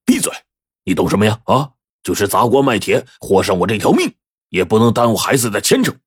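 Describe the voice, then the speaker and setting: A stubborn, ailing countryside father, as a male storyteller puts him on, gruff and scolding, with a husky voice a little raised above the teller's own. It sounds dry and close. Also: on the low side, sing-song, brisk, no echo, voice pushed up, full character voice. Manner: gruff, scolding, falsely cheerful.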